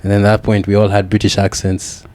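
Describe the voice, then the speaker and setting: A young Kenyan man with a low, mellow voice talks candidly as a podcast guest. He reflects at an easy pace, circling back with restarts and small repeated yeahs. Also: monotone, quick pace. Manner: reflective, with frequent "yeah" and restarts.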